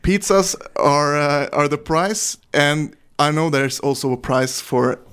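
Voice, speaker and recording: A man from Norway, a documentary maker on a radio interview, talking haltingly with many fillers. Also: fairly high pitch, steady tone, fairly bright tone, clean tone.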